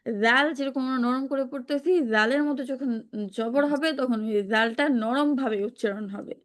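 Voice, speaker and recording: Woman teacher, slightly high voice, patient, repeats questions, online reading lesson. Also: moderate pace, a bit bright.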